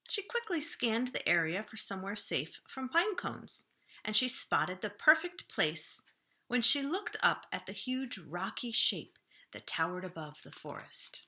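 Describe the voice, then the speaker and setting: With big swings in pitch, a mid-range female voice reads a kids' storybook aloud as a librarian would. The delivery is expressive, punctuated by dramatic pauses and quieter, slower passages for suspense.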